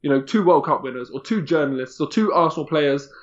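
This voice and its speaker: A man's voice: a little high, expressive, fast. Emphatic man, lo-fi sound. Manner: candid, emphatic, often repeats words, ends phrases with "man". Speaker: guest. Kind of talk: casual podcast conversation.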